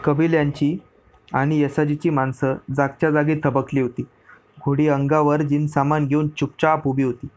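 A man's voice: a little high, little pitch movement, normal speed, a little mellow. Man reading a story in a level tone. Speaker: narrator. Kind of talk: dramatic audiobook reading.

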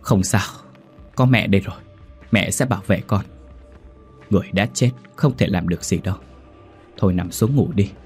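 A man's voice: deep voice, moderate pace, long pauses, soft background music, lightly acted. A man voicing a doting older mother. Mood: soothing.

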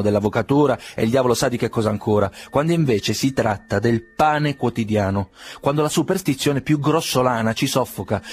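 A man's voice: medium pitch, husky, pitched above the performer's own voice, natural voice. A man reading an audiobook, playing a blunt and sullen young man who answers curtly and with insolence. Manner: curt, sullen, insolent, speaks through his teeth. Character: young male nihilist, blunt and gloomy.

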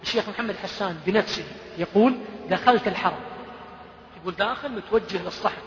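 A man's voice: high voice, fast talker, fairly bright tone, slight background noise. A man, preaching a sermon and retelling stories emotionally, quoting people as he goes. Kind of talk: sermon storytelling. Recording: echoey hall, dull lo-fi sound.

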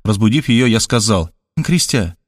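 Expressive male audiobook narrator. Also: medium pitch, normal speed, no room sound, studio quality. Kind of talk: first-person audiobook narration.

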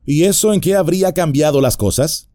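A man's voice: on the high side, brisk, mellow, no room sound, studio quality, pitched above the performer's own voice, natural voice. A man voicing a plucky hobbit lad. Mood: defiant. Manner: defiant, cocky. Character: bold young male hobbit, plucky and defiant.

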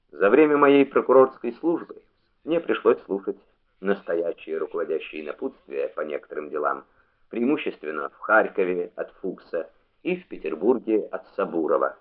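A man reading a memoir aloud as an audiobook narrator, in a measured literary delivery, on a tinny phone-like recording. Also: on the low side.

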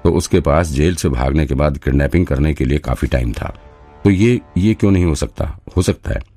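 A man's voice: a bass voice, lively intonation, normal speed, mellow, faint music behind, heavily acted. A man voicing a young woman who assists a detective and reasons through the case matter-of-factly, in an audiobook. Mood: reasoning.

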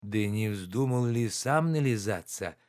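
A man's voice: on the low side, expressive, measured pace, a little mellow, no room sound, clean studio sound. A man reading the part of a sly coachman with a knowing, teasing manner.

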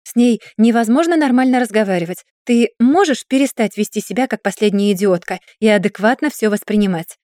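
A woman's voice: mid-range voice, a little fast, few pauses, warm tone, dry recording, studio quality, natural voice. A woman reading a storybook voices an irritable, bossy young man who scolds sharply and with exasperation. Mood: irritated.

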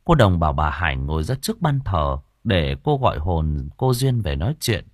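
A man narrating an audiobook story in an expressive storytelling manner. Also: sits low, normal speed, no room sound, studio quality. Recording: narration with faint music.

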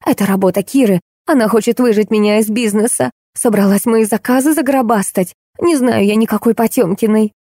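A woman's voice: normal speed, warm tone, dry recording, close to an everyday voice. A woman voicing a rude, irritable middle-aged woman artist who snaps and accuses, in a dry close recording. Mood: angry. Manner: snapping, shrill, accusing.

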